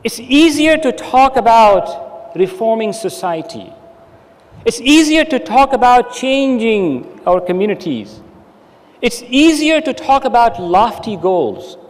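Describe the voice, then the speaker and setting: A middle-aged man delivers a Friday sermon with earnest, emphatic exhortation. His voice sits unusually high. He speaks into a stand microphone, and a long reverb trails each phrase. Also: big pitch swings, slow pace. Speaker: preacher. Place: dark stage with curtain backdrop. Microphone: stand mic at the lectern.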